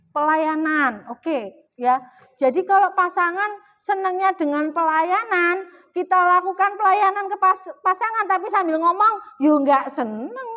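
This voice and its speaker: A woman's voice: extremely high pitch, pushed and bright. A middle-aged woman with a Javanese accent gives a chatty religious talk in a mosque, often asking her audience questions. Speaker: Islamic women's study speaker.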